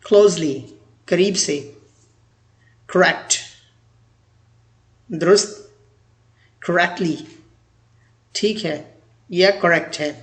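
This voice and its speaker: High gravelly-voiced male teacher. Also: fairly bright tone. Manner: slow, deliberate word-by-word pronunciation drills. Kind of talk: grammar lecture.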